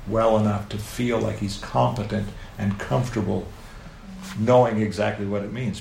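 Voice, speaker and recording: Speaking in a gravelly, lowish voice, a middle-aged man from the United States gives a sermon to a live audience, using animated storytelling and playful asides. The recording comes from an echoey room with faint background noise.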